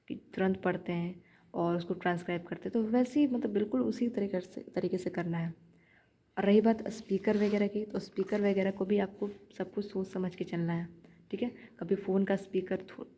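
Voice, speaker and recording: A woman's voice: on the low side, warm tone, husky. A young woman giving chatty shorthand practice tips in a casual vlog, repeating her points as she coaches viewers. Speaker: shorthand learner vlogger.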